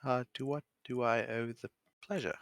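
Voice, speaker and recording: A man's voice: mid-range voice, fairly even intonation, moderate pace, fairly bright tone, no room sound, studio quality, natural voice. Eager bookish man voicing a spellcaster. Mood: polite.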